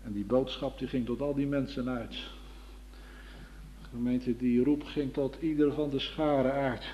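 A man preaching a slow, solemn sermon to his congregation, rising into loud, emphatic appeals. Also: medium pitch, fairly even intonation, lo-fi sound, slight background noise.

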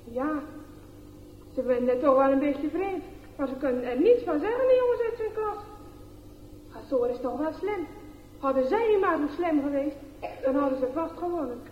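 A woman reading a children's story aloud in an expressive, animated way. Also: sits high, moderate pace, long pauses, slight background noise. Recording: echoey, dull lo-fi room recording.

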